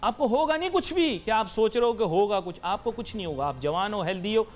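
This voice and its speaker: A man's voice: high-pitched, animated, a little fast, soft background music. A man hosting a TV talk show, delivering an emphatic, lecturing monologue to viewers and mixing in English phrases. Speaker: TV anchor and talk show host.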